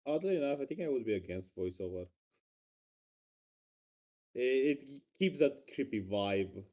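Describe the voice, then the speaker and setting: A man co-hosting a casual livestream, talking about game jam entries in a hesitant, halting way. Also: medium pitch, lively intonation, mellow. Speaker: stream co-host reviewing game jam entries.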